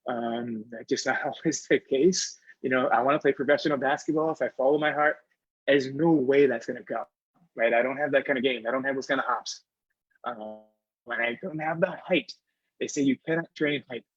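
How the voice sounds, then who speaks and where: A man's voice: mid-range voice, a little fast, husky, no echo. A middle-aged man from Hawaii, a guest speaker telling a personal story at a workshop in an earnest, conversational way with many fillers. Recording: slightly dull, dry recording.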